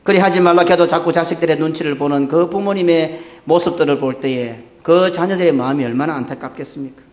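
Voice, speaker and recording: A male pastor with a Busan Gyeongsang accent delivers a sermon in a fairly high voice. He moves between low, earnest stretches and loud, excited bursts. The sound rings through an echoey church sanctuary. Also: quick pace.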